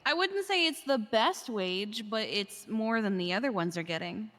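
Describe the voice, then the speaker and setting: A woman's voice: mid-range voice, lively intonation, normal speed, a bit bright, long reverb tail, natural voice. A woman playing an easygoing, agreeable customer in a casual game role-play, hesitant and repeating phrases. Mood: hesitant, explaining.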